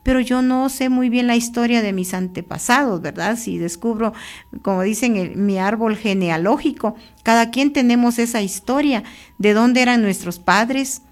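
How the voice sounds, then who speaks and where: A Guatemalan woman with a slightly high voice and a Guatemalan Spanish accent hosts a church radio program from a studio booth. She greets listeners and reflects on scripture in a steady, unhurried, pastoral manner.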